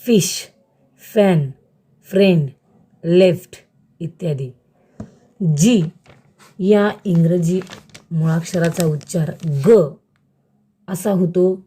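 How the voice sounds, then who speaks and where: A woman teacher giving a school lesson on letter sounds, slow, careful and word by word. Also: fairly low pitch, dark tone, slightly rough.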